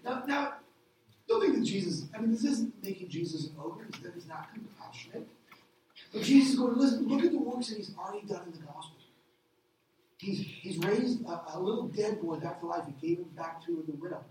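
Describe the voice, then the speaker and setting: A middle-aged man preaching a sermon as a pastor, animated, asking rhetorical questions and acting out little voices. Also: high voice, fairly quick, slight background noise. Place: church hall. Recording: echoey hall, distant mic.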